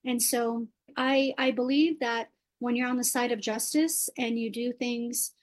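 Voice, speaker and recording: A woman from Afghanistan speaks as an interview guest in a fairly high voice. She talks earnestly and insistently, pressing her points and repeating words for weight. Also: fairly even intonation, unhurried. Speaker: guest, advocate. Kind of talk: impassioned interview answers.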